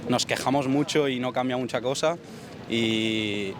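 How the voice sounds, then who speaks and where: A man answering a street interview, reflective and hesitant, pausing on fillers. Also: medium pitch, crowd noise. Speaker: passer-by interviewed. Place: outdoors on a city street. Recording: street noise and traffic.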